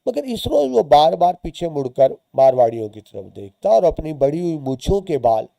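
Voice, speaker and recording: A man's voice: on the high side, very animated, normal speed, vocal fry, mellow, no room sound. A man, teaching students by reading a short story aloud and explaining its words and lines as he goes.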